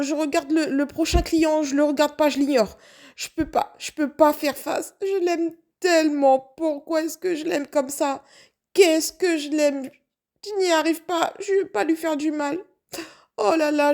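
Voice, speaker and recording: A woman's voice: sits high, a little mellow. A woman acting out a young, lovestruck waitress who panics and keeps questioning herself. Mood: distraught. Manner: breathless, flustered self-questioning. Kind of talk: first-person story acting.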